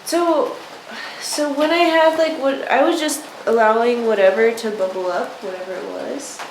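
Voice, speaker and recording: A woman's voice: on the high side, normal speed. A woman taking part in a workshop, reflecting casually on an experience in a hesitant, tentative way. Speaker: workshop participant. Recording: echoey room with clear noise.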